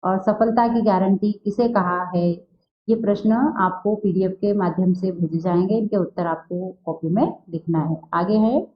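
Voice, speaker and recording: A woman teaching a Hindi class, who asks a question and answers it herself, and slowly repeats words to show how they are said. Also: mid-range voice. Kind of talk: recorded class lesson. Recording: dull lo-fi sound in an echoey room.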